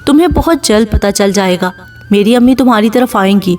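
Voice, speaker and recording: Smooth pushy guy on the phone , woman voicing him, calm and coaxing, distant mic soft music. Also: mid-range voice, slight background noise, close to an everyday voice. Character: persistent young man caller, smooth and insistent.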